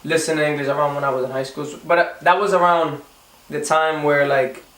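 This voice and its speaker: A man's voice: on the high side, fairly even intonation, a little fast, a bit bright, echoey room, recorded from a distance, low-quality recording. A young man from the Dominican Republic, a singer answering interview questions casually, often restarting and repeating words. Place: recording studio.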